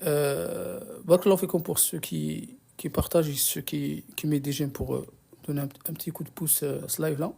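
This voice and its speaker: A teacher of Arabic reading runs a live online lesson with a mellow, gravelly voice. The delivery is patient and unpolished, full of restarts and little checks like "d'accord?". Arabic blessings come up now and then between the explanations. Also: mid-range voice, fairly even intonation, a little fast.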